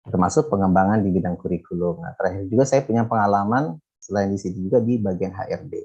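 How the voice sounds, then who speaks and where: A middle-aged male educator, a teacher, education manager and author, is interviewed and talks fast in a low, darkish, husky voice. He explains his work casually with lots of fillers, and the recording's highs are cut off.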